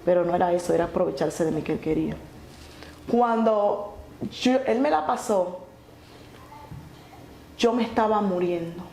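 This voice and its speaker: A woman telling her testimony earnestly, halting and restarting often. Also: on the low side, mellow. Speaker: guest sharing her testimony. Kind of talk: emotional personal testimony. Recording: echoey room with faint noise.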